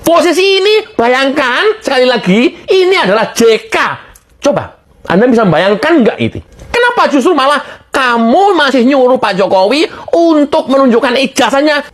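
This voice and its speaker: A woman's voice: high-pitched, very animated, normal speed. A woman giving heated political commentary, indignant and mocking, laughing scornfully and repeatedly calling out the person she criticises. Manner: indignant, mocking, repeatedly addressing her target; laughs scornfully between remarks.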